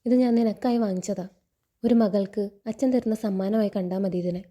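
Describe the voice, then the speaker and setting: A kind but firm fatherly man, read plainly by a woman telling the story. The tone is calm and gently commanding. Her voice is dark and mellow. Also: medium pitch, a little fast, natural voice.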